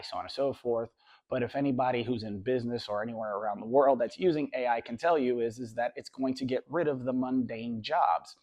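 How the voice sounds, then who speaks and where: Male teacher, hoarse voice still recovering, casual lecture delivery with frequent tag questions. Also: mid-range voice, a little mellow. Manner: conversational, tag questions, drawn-out emphasis. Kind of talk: classroom lecture.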